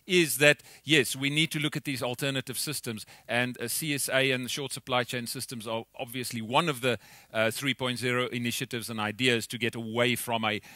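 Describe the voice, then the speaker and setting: A male moderator in a conference hall keeps the discussion moving, briskly cutting in and calling for questions. His voice is bright and forceful, and the sound is dry. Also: mid-range voice. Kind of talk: panel moderation.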